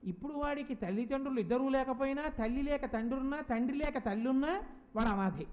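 A man giving a devotional discourse in an animated way, often putting questions to his listeners. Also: extremely high pitch, fast talker, a little hiss or hum. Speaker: spiritual speaker.

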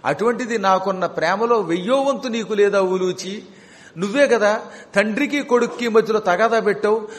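A man voicing a grieving queen who laments her husband and reproaches her co-wife, in a high voice with long hall reverb. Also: natural voice.

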